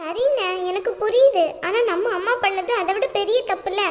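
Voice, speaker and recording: A woman voicing a worried young woman in a cartoon, who keeps pleading with her family to stay calm. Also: extremely high pitch, normal speed. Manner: pleading, soothing. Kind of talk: cartoon voice acting.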